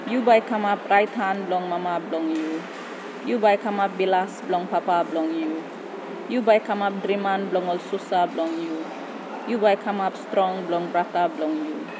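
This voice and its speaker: A woman's voice: fairly low pitch, moderate pace, noisy background. A woman with a Papua New Guinean accent performing spoken-word poetry in Papua New Guinea pidgin.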